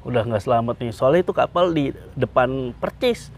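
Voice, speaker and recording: A man's voice: medium pitch, lively intonation, normal speed, darkish tone, a little hiss or hum. Earnest man recounting, hesitant. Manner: earnest, hesitant with many "eh" fillers. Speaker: guest. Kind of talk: interview, personal account.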